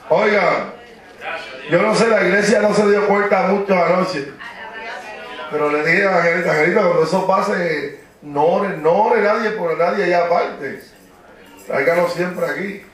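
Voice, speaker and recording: A man preaching a fiery sermon, shouting praise between phrases and dropping low to tell stories, recorded from far off in a church hall. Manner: drops to a low storytelling voice for anecdotes. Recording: echoey hall from far off, crowd behind.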